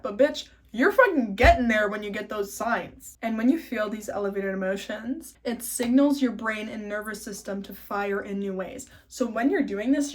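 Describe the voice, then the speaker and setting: A woman giving a casual self-help lesson in a chatty, excitable way, swearing freely. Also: medium pitch.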